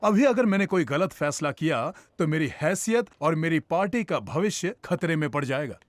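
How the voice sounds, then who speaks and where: A man's voice: fairly high pitch, animated, no echo, natural voice. Dry, guarded male politician, as dubbed by an actor. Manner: guarded, measured. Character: cautious male politician weighing his career. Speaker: dubbed film character, prime minister. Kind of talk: Hindi film dub acting.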